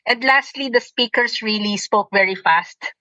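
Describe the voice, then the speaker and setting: A woman's voice: a little high, normal speed, bright, forceful tone, no echo, muffled recording. A woman from the Philippines, a trade union representative, speaking earnestly in an online meeting.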